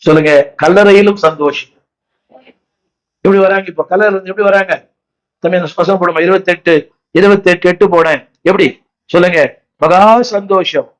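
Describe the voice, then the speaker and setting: Man, Tamil accent, pastor, high voice, exhorting, call and response. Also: steady tone, fairly quick, pauses often, poor audio. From India. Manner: calls on the congregation to repeat after him; repetitive, exhorting, asks the crowd questions. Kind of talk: sermon. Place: church.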